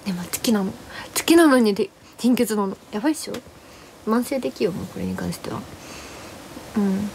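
A young woman hosting a livestream chats casually, rambling about her day, greeting viewers one by one, and referring to herself in the third person. Her mid-range voice is animated, creaky, and darkish at a moderate pace, with a little hiss or hum.

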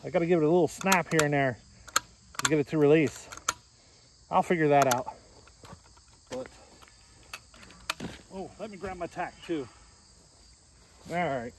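A man's voice: a little high, measured pace, pauses often, noisy background. A man in his forties talking casually about a chainsaw build outdoors in a yard, rambling with fillers and chuckles. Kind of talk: casual workshop vlog. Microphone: camera close up, handheld.

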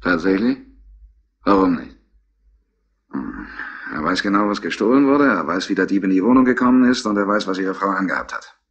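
A man's voice: deep voice, expressive, brisk, pauses often, a bit bright, husky, dull audio, exaggerated voice. A man playing a dogged, polite police lieutenant in a 1960s radio crime drama, questioning with mild apology. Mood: insistent. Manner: probing, mildly apologetic questioning. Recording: old radio play with faint hiss.

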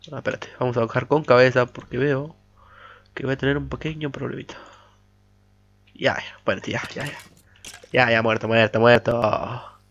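A man's voice: mid-range voice, creaky, a bit bright. A man giving chatty let's play commentary while mining, humming "pa pa pa" to himself. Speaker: gamer. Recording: dull lo-fi mic audio.

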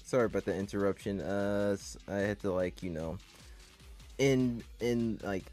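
A young man casually commentating a game, rambling and excitable with crude jokes. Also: lowish voice, normal speed, soft background music. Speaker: gameplay commentator.

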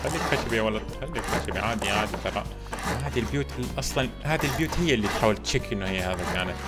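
A young man giving excitable gameplay commentary, animated and quick to burst into loud exclamations and English slang. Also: on the low side. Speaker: gamer streamer. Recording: music playing under the voice.

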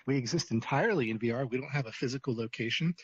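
A man hosting a church service in virtual reality, welcoming people in a relaxed, chatty, upbeat way. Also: mid-range voice, very fast, husky, no room sound. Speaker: pastor and host. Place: virtual reality chat room. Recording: dull lo-fi sound.

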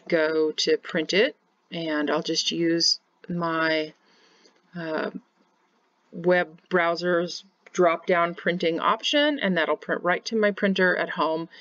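A woman's voice: lowish voice, a bit bright, no echo, muffled recording. A woman in her forties, from Kansas, giving a plain step-by-step screen-share tutorial from home as a home bakery teacher. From Kansas, United States. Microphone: webcam in corner of screen share.

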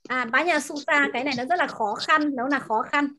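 A woman teacher in an online class, patiently explaining words and pronunciation and repeating them slowly over a video call. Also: high voice, pushed and bright, slight background noise. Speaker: language teacher.

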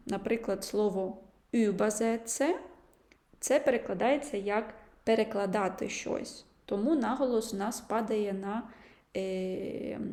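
A woman teaching a language lesson, patiently explaining and slowly sounding out example words. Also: mid-range voice, warm tone, echoey room. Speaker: German teacher.

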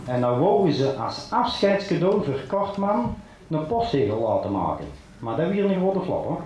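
A man's voice: on the high side, very animated, normal speed, slight background noise. A man performing a carnival stand-up monologue, chatty and punchline-driven, telling local jokes. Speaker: carnival comedian. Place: large hall before a live audience. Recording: echoey hall with loud crowd laughter.

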